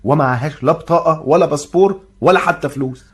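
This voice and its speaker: A man's voice: a little high, fast, close to an everyday voice. An actor with an Egyptian accent playing a cheeky young man in a comic radio drama. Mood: scheming. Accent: Egyptian Arabic. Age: young adult. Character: cheeky, quick-talking poor young man. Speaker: Mando, a poor young man.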